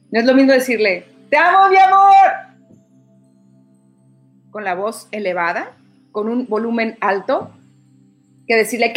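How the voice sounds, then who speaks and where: Lady voice coach chatting in an interview, lively, acts out lines, fairly high voice. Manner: expressive, acts out quoted lines with raised voice. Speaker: voice-over artist and communication teacher. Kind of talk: conversational interview answer.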